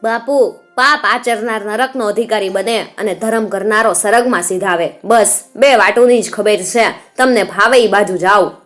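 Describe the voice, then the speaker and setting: A calm, shrewd male herdsman-poet from a folk tale, reciting slowly and evenly, as a woman narrator voices him. Mid-pitched and unhurried, with faint music in the background. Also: close to an everyday voice. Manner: measured, slow recitation of a couplet.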